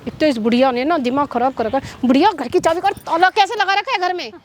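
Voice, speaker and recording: Casting note: woman as a rude young daughter-in-law, very high and fast, bossing her mother-in-law around. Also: natural voice. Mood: scornful. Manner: rude, domineering. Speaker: actor in a staged prank skit. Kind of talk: improvised family drama acting.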